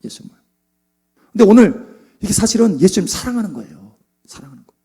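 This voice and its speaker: A man preaching a sermon as pastor, animated and acting out Bible scenes, often checking in with the congregation. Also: sits high, quick pace, breathy edge.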